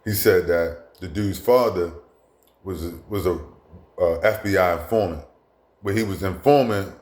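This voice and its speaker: A man's voice: sits low, measured pace, darkish tone, roomy sound. A man talking bluntly in a casual monologue as a commentator, with frequent restarts and asides. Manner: blunt, profane, repetitive with many asides and restarts.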